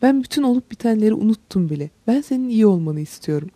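A woman's voice: on the high side, expressive, fast, warm tone, no room sound. A woman voicing a frail, grieving old grandmother who pleads tearfully in a storybook reading. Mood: tender.

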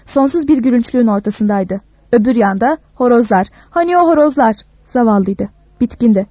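A woman narrating a story in a calm, measured reading. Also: a little high, dry recording.

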